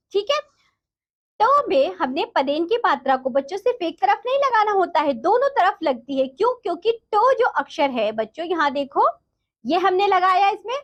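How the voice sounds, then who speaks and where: A woman teaching a lesson to young children, spelling words out slowly letter by letter and asking them questions. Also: extremely high pitch. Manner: addresses children, slow syllable-by-syllable spelling.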